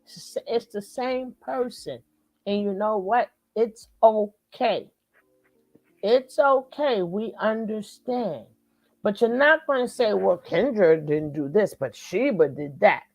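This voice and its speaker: Slow, emphatic woman giving commentary. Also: mid-range voice, dry recording, soft background music, rough recording. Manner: emphatic, preachy, repeats phrases for effect. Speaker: commentary host. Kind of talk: live reaction commentary.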